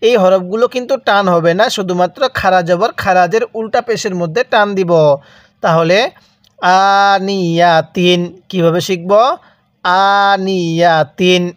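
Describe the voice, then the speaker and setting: A man's voice: sits high, steady tone, no room sound, clean studio sound. A man teaching Quran reading step by step, stretching out each syllable and prompting the learner to repeat after him. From Bangladesh. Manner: drawn-out slow syllables, repeats and prompts learner to read along. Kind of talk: step-by-step recitation lesson.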